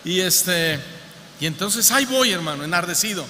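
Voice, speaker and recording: A man's voice: high voice, lively intonation, normal speed, pushed and bright, slight background noise. A man with a Mexico City accent preaching a sermon as pastor, in a conversational, humorous way full of rhetorical questions. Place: church hall. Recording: reverberant church hall, faint ambience.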